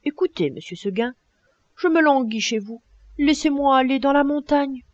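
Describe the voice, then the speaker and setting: A woman's voice: high voice, normal speed, no room sound, highs cut off, voice pushed up, lightly acted. A woman voicing a restless young female goat who pleads sweetly and insistently. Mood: pleading.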